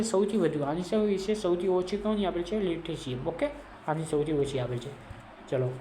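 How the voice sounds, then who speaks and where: A woman's voice: on the low side, darkish tone. A woman with a Gujarati accent teaching a chemistry revision lesson. She asks questions and then answers them herself. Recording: echoey room, faint background noise.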